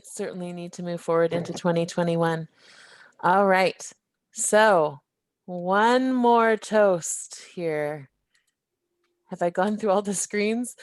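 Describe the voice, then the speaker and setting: A woman hosts an online social, cheerfully calling on guests and teasing them a little. She speaks slowly, at a middle pitch. Her voice sounds dry and close over the video call. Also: dry recording. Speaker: event host.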